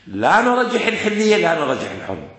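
Lively Iraqi man lecturing in an echoey room. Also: high-pitched, fast. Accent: Iraqi Arabic. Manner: emphatic, repeats points, rhetorical questions. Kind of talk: classroom lecture.

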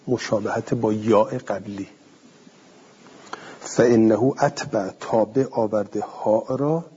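In a classroom lecture on a classical text, a male teacher reads a passage aloud and then explains it conversationally, posing questions to the class and answering them himself. His voice is fairly low and mellow with a breathy edge. The recording is dull and lo-fi, with long hall reverb.

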